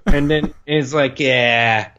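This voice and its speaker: Animated man chatting on a podcast. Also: medium pitch, measured pace, slight background noise. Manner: animated, acts out lines in mock voices. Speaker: podcast co-host. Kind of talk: casual chat reviewing a TV special.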